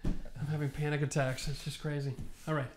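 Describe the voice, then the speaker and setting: Emphatic Canadian renovation host at a whiteboard. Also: male voice, on the high side, fairly quick, noisy background. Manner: animated, emphatic, rising to passionate rants. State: tired. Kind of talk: casual whiteboard explainer. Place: studio set with whiteboard, indoors. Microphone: lapel mic.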